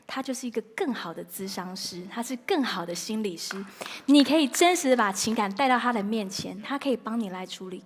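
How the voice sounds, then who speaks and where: A woman pastor preaching a sermon in a lively, playful way, acting out little inner dialogues. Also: fairly high pitch, big-room sound.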